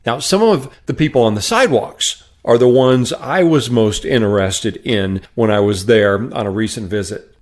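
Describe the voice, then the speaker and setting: A man hosting a solo podcast who tells a wry story in a conversational way and stresses words with jumps in pitch. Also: moderate pace. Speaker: podcast host and sales trainer.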